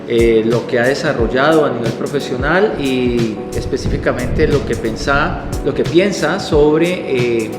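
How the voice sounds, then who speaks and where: Hesitant male interviewer in an echoey hall. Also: medium pitch. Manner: hesitant, many fillers. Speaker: interviewer, lecturer. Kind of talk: hosted interview.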